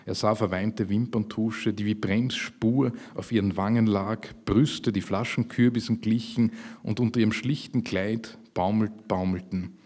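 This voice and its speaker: A man reading his own fiction aloud at a literary event, measured and slowing for emphasis. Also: on the low side, steady tone, a little mellow. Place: public reading at a literary festival.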